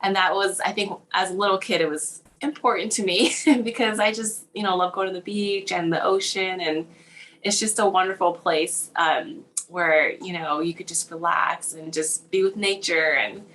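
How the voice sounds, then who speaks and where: A woman's voice: fairly low pitch, fairly even intonation, normal speed, a bit bright, slight background noise, low-quality recording. A young woman, a children's book illustrator from Hawaii who grew up in Southern California, chatting casually in an interview, giggly and full of "like" fillers. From Hawaii, raised in Southern California.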